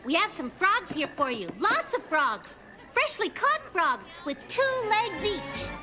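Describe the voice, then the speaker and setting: A woman voicing a cheeky, quick-witted little girl in a children's cartoon, with a wry, sassy manner. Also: extremely high pitch, very animated, exaggerated voice. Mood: determined. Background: music.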